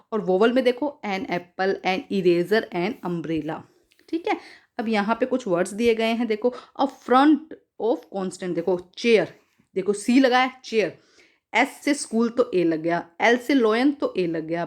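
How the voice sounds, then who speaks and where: Patient woman teaching grammar to children. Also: fairly high pitch. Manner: patient, repeats points and asks rhetorical questions; calls listeners "beta". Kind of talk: Hindi-English grammar lesson for schoolchildren.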